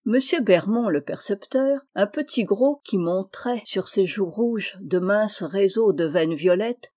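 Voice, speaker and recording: A woman narrating a classic short story aloud in a measured, expressive reading. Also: mid-range voice. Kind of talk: literary audiobook reading.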